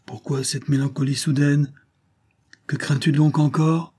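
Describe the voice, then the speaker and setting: A man voicing a devoted aristocratic older mother, gentle and dignified in a storybook reading. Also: fairly high pitch, level tone, a little slow, breathy edge, voice pushed up. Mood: tender.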